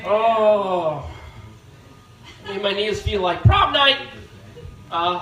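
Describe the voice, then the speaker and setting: A man doing an open-mic stand-up set with a deadpan, offhand delivery on a bar stage. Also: sits high, very slow, soft background music. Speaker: stand-up comedian. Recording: echoey bar room from far off.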